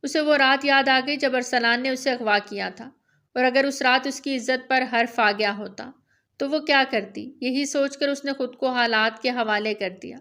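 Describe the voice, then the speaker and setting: A woman narrating a romance novel aloud in a steady, even storytelling manner. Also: sits high.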